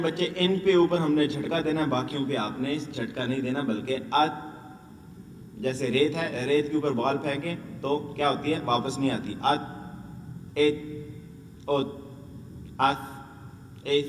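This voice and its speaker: A man training Quran teachers, drilling letter sounds and asking and answering his own questions. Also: mid-range voice. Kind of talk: instructional lesson. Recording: echoey room, distant mic, faint noise.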